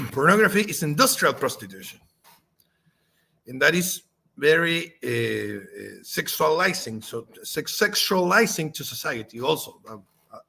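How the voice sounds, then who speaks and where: A man from Chile with a Chilean Spanish accent, a native Spanish speaker, giving a halting spoken response in English with many fillers and restarts. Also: medium pitch, creaky, sharp tone, husky. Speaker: channel host.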